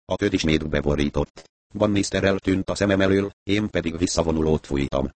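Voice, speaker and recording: A man narrating an audiobook in a steady storytelling manner. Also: low voice, dry recording. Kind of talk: scripted narration.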